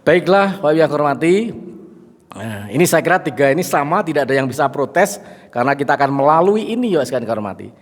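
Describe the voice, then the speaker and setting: A middle-aged man with a Javanese accent preaching a lively sermon to a gathering, chatting with and joking with the audience. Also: a little high, fast. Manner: lively, mixes in Javanese phrases and jokes with the audience. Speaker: Islamic preacher. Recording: long hall reverb.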